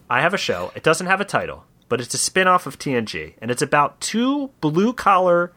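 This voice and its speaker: A man co-hosting a casual podcast, playfully pitching ideas and laughing along. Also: sing-song, normal speed, pushed and bright. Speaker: podcast co-host. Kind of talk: casual chat.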